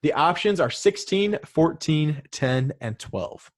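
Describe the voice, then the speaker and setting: On a sports podcast, a male host with a slightly high, animated voice runs a trivia quiz at a slow pace. He reads out questions and answer options in casual chat, tossing in joking asides.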